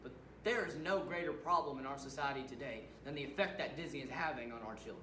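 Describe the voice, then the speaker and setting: A young man performing a manic, taunting male serial killer on death row as a dramatic interpretation piece, with shouts and cackles. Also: medium pitch, fast, recorded from a distance, noisy background, natural voice. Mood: ranting. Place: competition room. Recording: roomy hall recorded from afar.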